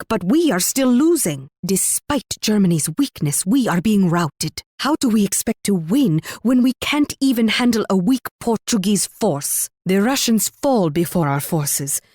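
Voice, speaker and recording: A woman's voice: lowish voice, darkish tone, no room sound. Proud spanish warrior queen for a strategy game, imperious but coaxing, teasing, dry close sound. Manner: regal, teasing, theatrically measured delivery. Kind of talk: video game voice acting.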